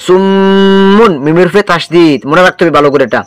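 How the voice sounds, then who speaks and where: A man's voice: a little high, steady tone, racing, fairly bright tone, no room sound. A man teaching Quran reading, patiently drilling letter sounds and quizzing the viewer.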